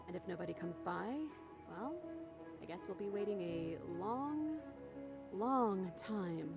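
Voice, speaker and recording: A woman's voice: medium pitch, a little slow, creaky. A woman voicing a chained young princess in a video game, guarded and wry, with game music behind her. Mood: weary. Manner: dry, wry, teasing.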